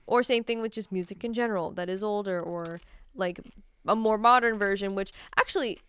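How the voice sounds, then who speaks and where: A woman co-hosting a podcast, chatting casually and rambling from thought to thought with frequent laughs. Her voice is exceptionally smooth and clear. The sound is dry and close, with no room echo. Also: mid-range voice, brisk, fairly bright tone. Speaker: podcast co-host. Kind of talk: casual chat. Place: Massachusetts.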